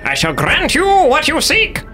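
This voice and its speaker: A man voicing a menacing undead male lich king with a rasping, croaking voice, as part of a comic reading. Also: wildly swooping pitch, unhurried, over music, exaggerated voice. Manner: theatrical, booming proclamations.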